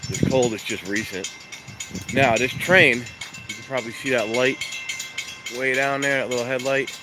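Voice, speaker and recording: In a mid-range voice muffled by a stuffed-up nose, a train-spotting vlogger chats casually on a live stream from a railroad crossing, rambling in an easygoing way. The audio quality is poor: his handheld camera mic picks up wind, and loud traffic and outdoor noise surround him.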